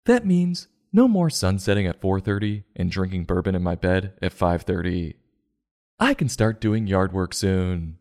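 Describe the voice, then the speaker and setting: A man's voice: low voice, animated, unhurried, a little mellow. A man hosting a comedic review show, narrating and commenting in an irreverent, sarcastic, profane way.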